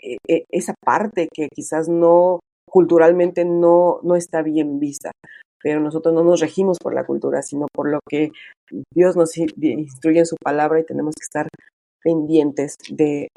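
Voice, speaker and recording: Woman, middle-aged, interview guest, chatty with fillers, acts out quoted dialogue, mellow voice. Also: sits low, little pitch movement, normal speed, no echo. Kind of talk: casual conversational interview.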